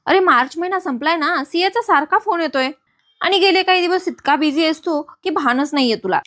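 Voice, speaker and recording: A woman's voice: very high voice, a little fast, a bit bright. A woman voicing a scheming, possessive woman who scolds sharply. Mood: hurried. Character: hot-tempered scheming woman, fiercely possessive.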